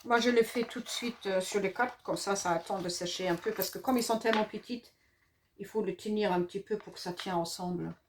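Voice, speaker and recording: A woman's voice: mid-range voice, fairly quick, slight background noise. Middle-aged lady with a regional french accent, talks you through a paper craft, lots of ums, easygoing. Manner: chatty, hesitant, many fillers. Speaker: papercraft demonstrator. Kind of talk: casual craft tutorial.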